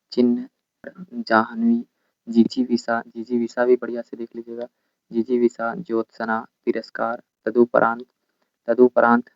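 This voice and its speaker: A man teaching an exam coaching lesson, rapidly reading out word lists and pointing out the correct spellings. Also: medium pitch, no echo, dull audio.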